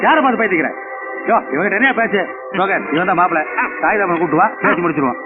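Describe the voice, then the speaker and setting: An actor playing a domineering middle-aged father who shouts threats at his wife and daughters. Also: high voice, animated, fast. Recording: phone-like band with loud film music.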